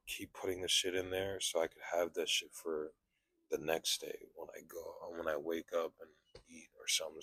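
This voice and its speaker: A man's voice: low-pitched, fairly bright tone, husky, no echo. A young man hosting a podcast, chatting casually with lots of profane slang. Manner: laid-back, profane slang. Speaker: podcast host.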